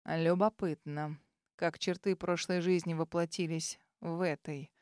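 A woman voicing an arrogant, cruel male dragon in human form, with a rough, scratchy voice and a cold, menacing manner. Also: fairly low pitch, fairly even intonation, darkish tone, no echo, studio quality, pitched below the performer's own voice, close to an everyday voice. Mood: cold menace. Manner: cold, menacing, quick to snarl.

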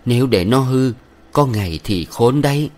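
A man's voice: medium pitch, animated, normal speed, darkish tone, voice pushed up, close to an everyday voice. A man doing a stern preachy village matron. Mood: lecturing. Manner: moralizing, lecturing. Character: middle-aged village matron, stern, preachy, sweet-talking.

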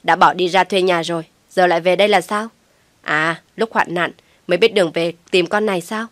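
A woman's voice: fairly low pitch, fairly even intonation, fast, fairly bright tone, no echo, close to an everyday voice. A woman voicing a spiteful, mocking young daughter-in-law who speaks with scorn. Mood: sneering. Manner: sneering, scornful.

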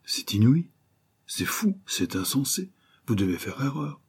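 A man's voice: on the low side, moderate pace, a little mellow, breathy edge. A man voicing a naive young private detective who is pompous and easily flustered. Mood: shaken. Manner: stammering, pompous then panicky.

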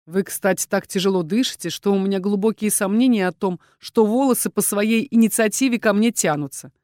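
A woman voicing a sardonic male dragon inquisitor who speaks in a slow, low, mocking drawl. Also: darkish tone, no room sound, studio quality, lightly acted. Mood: sarcastic.

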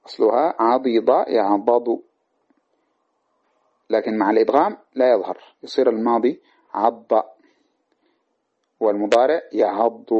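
Guy teaching a grammar lecture, patient, keeps checking in, kinda husky, dull lo-fi recording. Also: medium pitch. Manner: patient explainer with frequent check-in questions.

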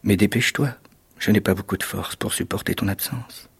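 A man voicing a weak, ailing mother in a fairy tale, soft and tired. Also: fairly low pitch, steady tone, a little fast, husky. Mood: weary.

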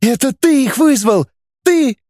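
A man reading an audiobook, voicing an impulsive young woman pilot with shrill, high shouting. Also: normal speed, no echo, clean studio sound, natural voice. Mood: furious.

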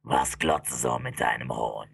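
A performer voicing a brutal, scornful demon with a club, in a dramatic spoken-word poem, alternating deep growled threats with roared battle cries. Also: a little slow, creaky, fairly bright tone, husky, heavily acted.

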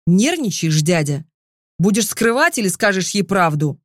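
A woman's voice: medium pitch, sing-song, normal speed, no echo, studio quality, lightly acted. A woman voicing a mocking young male dragon prince in an audiobook, speaking in a sneering, taunting way.

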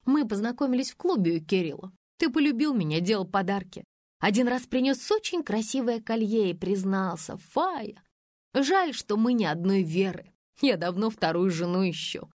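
A woman reading an audiobook, voicing a brash, spiteful, scheming woman with a shrill, mocking manner. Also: lively intonation, moderate pace, a little mellow, no echo, clean studio sound, natural voice. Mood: bitter confession. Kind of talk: audiobook character voice.

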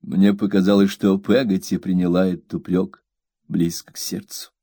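A man narrating a novel in the first person, in an even, measured way. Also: low voice, dry recording, studio quality. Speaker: audiobook narrator.

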